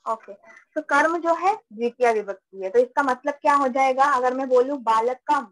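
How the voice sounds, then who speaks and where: A woman's voice: high-pitched, normal speed, no room sound, low-quality recording. A woman teaching a live online class, patiently repeating points and checking that students follow. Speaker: Sanskrit teacher.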